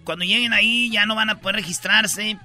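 A Mexican man hosting a comedy radio show, cracking jokes and putting on national accents. His voice is high and very bright, with lively swings in pitch. Faint music plays beneath the studio talk. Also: fairly quick. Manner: jokey, mimicking national accents, laughing.

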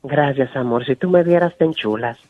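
A man's voice: mid-range voice, a little fast, lightly acted. A man playing a flirty, sultry woman calling in to a comedy radio show, sweet-talking everyone. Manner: flirty, calls everyone "my love". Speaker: caller. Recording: tinny phone line.

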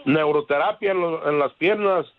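A man's voice: a little high, moderate pace, phone-quality sound. A man calling in to a radio show, chatting and laughing about being stuck at home. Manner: chatty, laughing, self-mocking. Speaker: caller. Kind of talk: casual chat.

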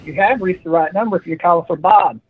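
A man's recorded voicemail greeting, heard over a phone speaker, brisk and matter-of-fact. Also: high-pitched, husky. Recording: muffled phone speaker, faint hiss.

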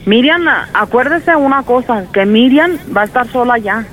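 A woman's voice: on the high side, expressive, normal speed, a bit bright, low-quality recording. Tearful mother on the phone. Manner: worried, reproachful. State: crying. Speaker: prank call victim, mother. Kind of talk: phone call.

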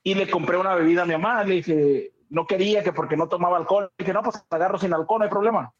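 A man spins a family anecdote for a radio chat show. His voice sits high for a man, and he laughs often while acting out every quote with lively energy. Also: fast, highs cut off. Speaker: radio co-host. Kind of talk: casual storytelling chat.

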